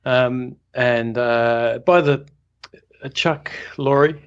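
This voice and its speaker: A man's voice: mid-range voice, fairly even intonation, very slow, smooth, dull audio. Rambling, anecdotal man co-host. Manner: rambling anecdotal storyteller, chuckles often. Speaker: podcast co-host. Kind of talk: casual craft discussion.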